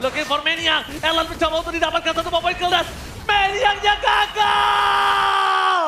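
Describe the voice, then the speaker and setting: An Indonesian man shoutcasting an esports match like a fighting game announcer, yelling play-by-play and drawing out the key calls. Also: very high-pitched, monotone, moderate pace, some chatter behind, a little hiss or hum. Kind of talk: hype play-by-play game commentary.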